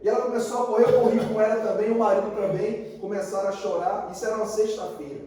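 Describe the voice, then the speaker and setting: A man with a high but mellow voice preaches in a big church, telling his story vividly and acting out every exchange. His voice rings around a large hall with long reverb, heard from some distance off the mic. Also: fast. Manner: lively storyteller who acts out the dialogue. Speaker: pastor. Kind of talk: sermon with storytelling. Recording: echoey hall, voice from far off.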